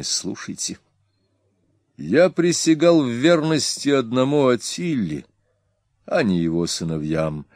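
A man voicing a calm, proud Germanic king who speaks firmly and with measured dignity. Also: fairly low pitch, dry recording, clean studio sound.

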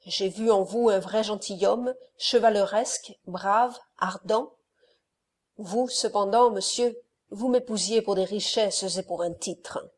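Young countess, read by a woman in an audiobook, firm and dignified, steady voice. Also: mid-range voice, takes it slowly. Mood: reproachful.

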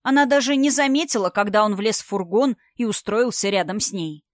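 A woman narrating a novel in an even, storytelling manner as an audiobook reader. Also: mid-range voice, fairly quick, no room sound, studio quality. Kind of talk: scripted narration.

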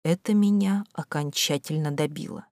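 A woman reading a first-person novel aloud with expressive, measured storytelling. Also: low voice, no room sound, studio quality. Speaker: audiobook narrator. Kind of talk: first-person audiobook narration.

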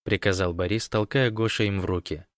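A man narrating an audiobook in an even, measured reading. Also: fairly low pitch, dry recording, studio quality.

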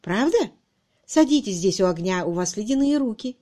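A woman voicing a composed young noblewoman who speaks gently and soothingly in an audiobook. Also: medium pitch, animated, natural voice. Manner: brisk, then gentle and soothing. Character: composed young noblewoman, kind but startled.

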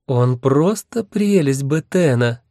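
A man's voice: mid-range voice, lively intonation, takes it slowly, warm tone, no echo, clean studio sound. A man voicing a lovestruck, giggly two-headed young maiden in a sing-song, gushing manner. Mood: cooing. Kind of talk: audiobook character voice.

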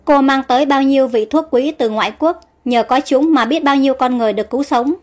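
A courteous older male doctor speaks politely and with gratitude, voiced by a woman reading a storybook. Her voice stays high even for him, and faint music plays behind. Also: quick pace, natural voice. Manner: polite, warm deference. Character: kindly older male village doctor, grateful.

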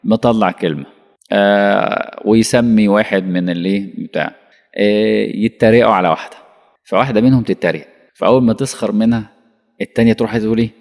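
A man's voice: on the low side, fast, gravelly, darkish tone. A man with an Egyptian Arabic accent giving a colloquial religious lesson, full of rhetorical questions and acted-out dialogue. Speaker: preacher. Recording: long hall reverb.

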